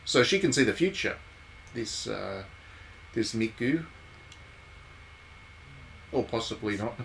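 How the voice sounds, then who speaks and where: Over steady background noise and a rough recording, a man with a lowish, gravelly voice speaks slowly as he streams a visual novel. His live commentary is casual, meandering and thought out loud.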